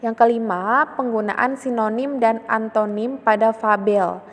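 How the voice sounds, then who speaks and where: Woman teacher going over a grammar lesson slowly, kinda high voice, lots of reverb. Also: steady tone. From Indonesia. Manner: patient, repeats points with tag question "ya". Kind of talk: classroom lesson explanation.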